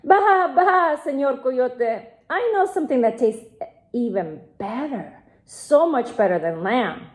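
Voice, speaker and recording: A woman's voice: fairly high pitch, big pitch swings, a little slow, a little mellow. A woman voicing a timid, crafty little female lamb who bleats and pleads. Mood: pleading.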